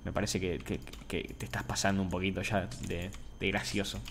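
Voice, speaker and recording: A man's voice: low-pitched, little pitch movement, a little fast, a little hiss or hum. Joking young Argentine man streaming games. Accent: Argentine Spanish. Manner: joking, banters with chat, swings between mumbling and shouting. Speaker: Minecraft streamer. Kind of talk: casual gaming stream chat.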